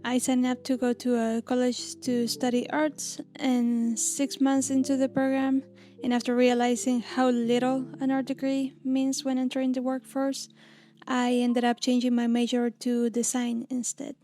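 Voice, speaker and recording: A woman in her thirties from Argentina, an illustrator narrating her own story in a gentle, reflective scripted voice-over. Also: high voice, monotone, unhurried. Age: 30s. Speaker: illustrator and channel host. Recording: lo-fi music bed under voice.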